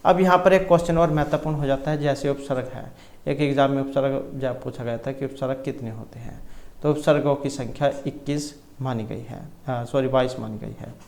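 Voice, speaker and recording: A man's voice: medium pitch, fairly even intonation, fairly quick, vocal fry, a little mellow. A man teaching an exam-prep lesson, explaining multiple-choice answers and reciting terms and grammar rules one by one. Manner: self-corrects mid-sentence. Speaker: Sanskrit exam tutor.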